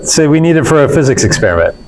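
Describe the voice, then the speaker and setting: Racing through a physics lecture in a classroom, this male instructor sounds very animated in a higher-pitched voice, explaining casually with fillers and self-corrections. Crowd noise comes through on the low-quality recording.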